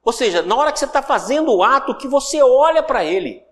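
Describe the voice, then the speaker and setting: A man's voice: very high-pitched, quick pace, in a large hall. A man with a Brazilian Portuguese accent giving a recorded course lecture on self-development, talking conversationally and repeating phrases for emphasis. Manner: animated, acts out everyday examples in quoted voices.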